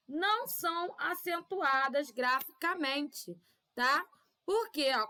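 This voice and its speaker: A woman with a Brazilian Portuguese accent teaching young children in a recorded class, with drawn-out syllables and constant "tá?" checks. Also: high-pitched, bright, forceful tone. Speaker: primary school teacher.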